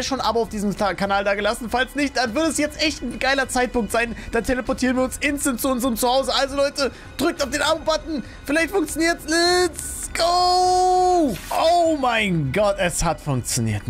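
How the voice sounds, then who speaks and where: Panicky young gaming streamer, music behind. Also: male voice. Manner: jumps between panicked high yelps and low fearful muttering; keeps talking to viewers as friends. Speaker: gaming YouTuber. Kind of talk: scared gameplay commentary.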